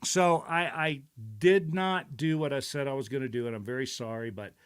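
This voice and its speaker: A man's voice: medium pitch, steady tone, moderate pace, smooth. A middle-aged man hosting a casual live stream, talking in a rambling, reflective way with many fillers and restarts. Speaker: show host.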